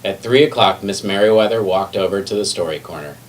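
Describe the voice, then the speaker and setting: In a brisk, deep voice, a man reads a children's picture book expressively, sometimes stumbling and then correcting himself. The storytelling is recorded from a distance, with faint background noise.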